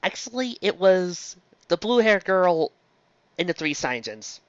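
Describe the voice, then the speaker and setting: A fan fiction reviewer with a mid-range voice speaks a little slowly with big pitch swings, rambling casually, going off on tangents and restarting mid-phrase. The recording is dry, close, dull and lo-fi.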